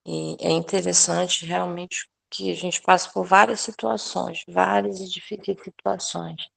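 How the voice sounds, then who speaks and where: Gravelly-voiced woman sharing a testimony. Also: fairly low pitch, little pitch movement, fairly bright tone. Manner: earnest, halting, many restarts and fillers. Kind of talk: personal testimony in a women's prayer group.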